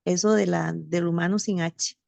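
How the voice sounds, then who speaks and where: A bereaved mother sharing her story over a video call in a support session, reflective and halting with many fillers. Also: fairly low pitch, fairly even intonation, creaky, a little mellow, no room sound. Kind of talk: personal testimony. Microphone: video call, camera off.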